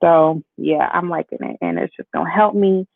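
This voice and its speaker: A woman's voice: sits low, sing-song, moderate pace, vocal fry, dry recording. An upbeat woman, chatting with viewers as she hosts a makeup livestream. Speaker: beauty livestream host. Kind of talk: casual makeup livestream chat. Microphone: AirPods. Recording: tinny phone-like livestream audio.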